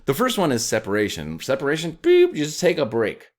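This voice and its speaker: A man's voice: fairly high pitch, huge pitch swings, brisk. A man giving a casual recorded lecture, talking conversationally with many fillers and acting out quoted exchanges. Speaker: instructor.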